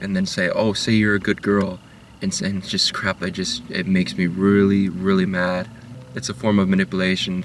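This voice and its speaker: Low gravelly man rambling in a car. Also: fairly bright tone, far from the mic, a little hiss or hum. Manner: low-key, halting, many fillers and restarts. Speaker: vlogger. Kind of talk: rambling casual monologue. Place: inside a moving car.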